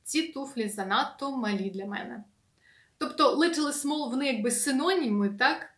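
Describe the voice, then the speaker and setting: A woman teaching an English lesson in a casual, patient way, slowly repeating words with many fillers. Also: high voice, animated, fairly bright tone, reverberant.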